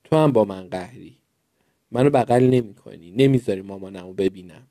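A man's voice: fairly low pitch, dark tone, dry recording, studio quality, lightly acted. A man voicing a sad little girl who misses her sick mother, pleading and upset. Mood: hurt.

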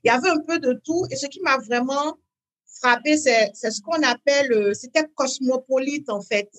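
A woman, talking as an interview guest in a hesitant way, with many fillers and repeats, then bursts of lively emphasis. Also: sits high, moderate pace. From Benin. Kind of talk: conversational interview.

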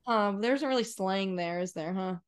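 A woman's voice: medium pitch, normal speed, clear, resonant tone. A young woman in her early twenties, a podcast guest in casual chat, bubbly and laughing, jumping between topics. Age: early 20s.

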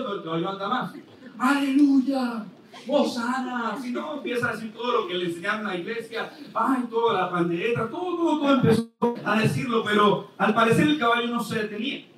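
Pastor, jokey sermon, high-pitched, very echoey hall. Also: male voice. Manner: joking, animated preaching. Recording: echoey hall, distant mic, faint noise.

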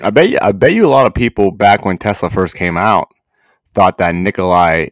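A man's voice: low voice, animated, brisk, no room sound, clean studio sound. A man chatting casually on a podcast in slangy, heavily profane speech, calling the listener bro and dude.

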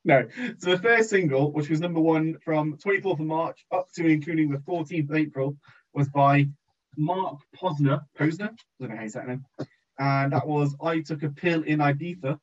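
A man's voice: on the high side, moderate pace, lo-fi sound. A man co-hosting a podcast in casual chat, joking around and rambling with lots of ums. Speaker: podcast co-host.

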